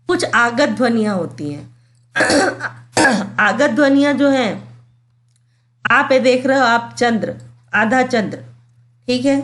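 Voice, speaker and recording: A woman teaching a grammar lesson to schoolchildren, sounding out letters slowly and checking that the class follows. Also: high voice, fairly bright tone. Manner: slow and explanatory, checks understanding with "clear?" and "theek hai".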